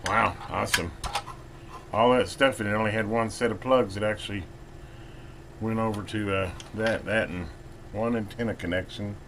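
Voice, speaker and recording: Thinking aloud while he works, a man hosts a casual hands-on repair video in a voice on the low side, with fairly even intonation, normal speed, and long pauses. The hobbyist recording is plainly noisy.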